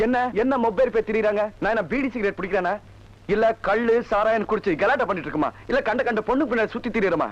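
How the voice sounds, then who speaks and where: Boastful young village son, high-ish voice, muffled old film audio. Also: male voice, fast. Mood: defiant. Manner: defiant, boastful. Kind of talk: Tamil film acting. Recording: dull lo-fi film soundtrack.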